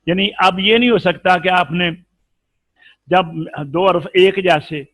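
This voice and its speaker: A man teaching Quran recitation rules in a live lesson with an Urdu accent, explaining patiently and then chanting the examples slowly. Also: high voice, fairly bright tone, no room sound.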